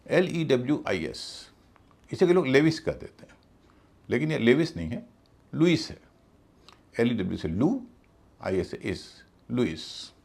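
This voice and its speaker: A man teaching English pronunciation in a video class. His voice is husky with a gravelly edge, and his pitch moves a lot. He spells out letters and repeats each word methodically. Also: big pitch swings, unhurried, pauses often, a little mellow. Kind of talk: explanatory video lesson.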